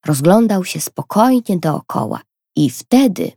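A woman narrating a children's storybook in an expressive, lively reading. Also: fairly low pitch, unhurried, gravelly, no room sound, clean studio sound.

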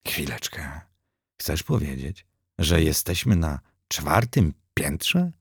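A man's voice: fairly low pitch, lively intonation, measured pace, vocal fry, a little mellow, husky, no echo, studio quality, exaggerated voice. Man putting on a flustered young maid. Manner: flustered and anxious. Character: nervous, irritable young woman, hotel maid.

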